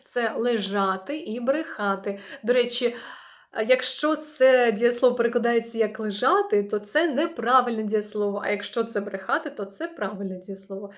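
Woman, young adult, from Ukraine, native Ukrainian speaker, English teacher, clear step-by-step explaining, slightly high pitch. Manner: explains clearly, slows right down to model English phrases. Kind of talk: language lesson.

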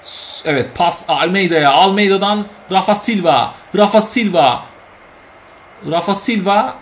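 A man giving lively, chatty commentary over his own football video game play, often shouting at the action and talking to his viewers. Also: high-pitched, a little slow, slight background noise. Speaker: gaming YouTuber. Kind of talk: live gameplay commentary.

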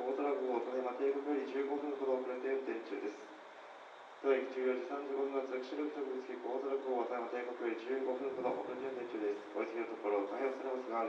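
A man giving a railway station announcement in very polite, formal honorific speech. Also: mid-range voice. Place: train station platform, outdoors. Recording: distant muffled echoey PA, clear background noise.

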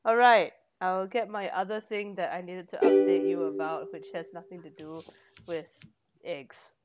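A woman's voice: on the low side, steady tone, normal speed, loud music behind the voice. Rambling woman vlogger, lo-fi sound. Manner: rambling show-and-tell with many fillers. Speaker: vlog co-host. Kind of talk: casual chat.

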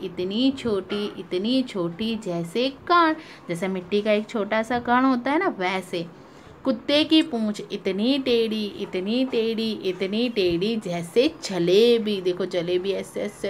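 A woman's voice: mid-range voice, slight background noise. A woman teaching young children, reading a story aloud and repeating questions for her pupils. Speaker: primary school teacher.

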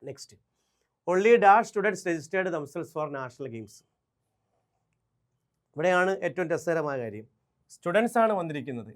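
A man from Kerala teaching a quick exam revision lesson, firing rhetorical questions, answering them himself and repeating key phrases for emphasis. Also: fairly high pitch.

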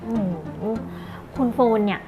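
A woman's voice: unhurried, over music, close to an everyday voice. An actress playing a curious young office worker chatting with her older coworker. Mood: chatty. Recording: dull lo-fi sound.

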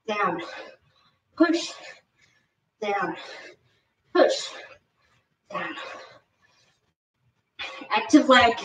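A woman fitness instructor leading a live workout, giving energetic, encouraging cues and counting reps, a little out of breath. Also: high voice. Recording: roomy, distant, dull lo-fi sound.

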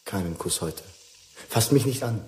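An actor playing a weary, doomed husband who speaks in a husky, hushed, halting voice, in an old mono radio play with music. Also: male voice. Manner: low, hushed and halting, growing urgent. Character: weary doomed husband Bill, middle-aged man.

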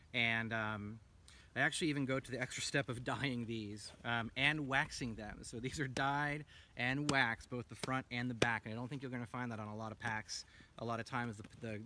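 Sitting outdoors in a forest, an American man in his thirties eagerly shows off and reviews a pack he made himself, rambling casually with plenty of ums. His voice is medium-pitched with a sharp tone, and there's a slight hiss or hum. The camera recording him sits a few feet away.

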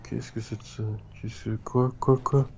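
A man's voice: mid-range voice, flat delivery, a little slow, gravelly, a little mellow, muffled recording, slight background noise. A man chatting casually and jokingly with a friend as he plays a video game. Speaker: gamer. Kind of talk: casual gameplay chat with a friend.

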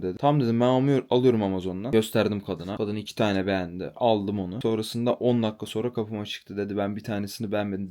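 A man's voice: mid-range voice, warm tone. A young man venting in a casual vlog monologue, heated and swearing freely. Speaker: vlogger.

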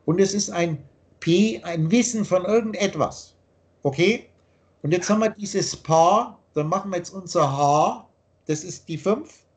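Belehrender Mann mit hoher Stimme. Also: male voice, high-pitched, unhurried. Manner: repetitive, earnest, lecturing. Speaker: teacher explaining his teaching. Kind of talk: explanatory monologue in a video call. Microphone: video call.

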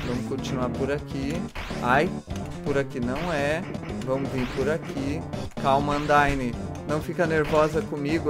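A man doing let's play commentary, excitable, yelping and shrieking in panic as he plays. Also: high voice. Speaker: gamer.

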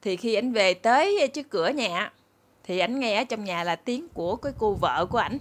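A chatty woman from southern Vietnam, with a medium-pitched, animated voice at a moderate pace, tells stories to her followers from a small indoor room. As the channel's host, she talks conversationally and addresses viewers as family.

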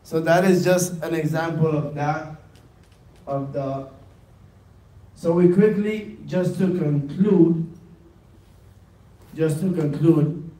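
A man teaching an Arabic class, drilling each word slowly and repeating it many times. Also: on the high side, warm tone. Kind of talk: classroom lesson. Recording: echoey classroom from far off.

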